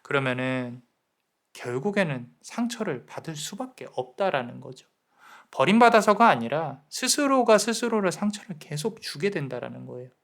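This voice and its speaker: A man with a fairly high voice gives a tarot reading for viewers. He talks in a gentle, counseling way and addresses the listener warmly and directly. Now and then he slips briefly into the voices of people's inner thoughts. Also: big pitch swings, moderate pace, vocal fry. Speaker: tarot reader.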